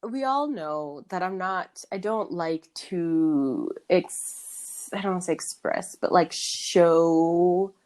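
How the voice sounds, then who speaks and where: A woman's voice: on the low side, slow pace, hardly any pauses, darkish tone. A young woman co-hosting a podcast, talking candidly and with lots of laughter, restarts and fillers. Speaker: podcast co-host. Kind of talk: casual chat.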